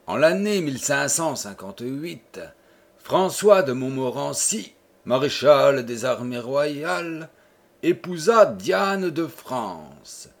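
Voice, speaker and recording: A man reading a historical novel aloud as an audiobook, in an expressive, theatrical way. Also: medium pitch, takes it slowly, creaky. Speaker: audiobook reader. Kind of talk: dramatic audiobook narration.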